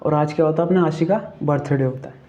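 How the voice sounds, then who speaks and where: Casting: man, a bit higher-pitched, very dark mellow voice, informal ghost-story teller, lo-fi faint hiss. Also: fast talker. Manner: chatty, keeps saying "ठीक है" and asking the listener questions. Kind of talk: casual retelling of a ghost story.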